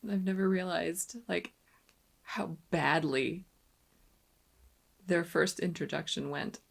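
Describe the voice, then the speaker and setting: A film reaction host offers casual movie commentary, musing aloud and making wry asides. Her lowish voice is slow with vocal fry, and the recording is noisy with clicks.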